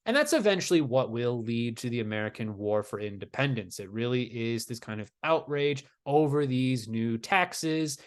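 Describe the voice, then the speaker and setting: A man's voice: mid-range voice, animated, normal speed, hardly any pauses. A man teaching history in a casual video lecture, conversational, with dry sarcastic asides.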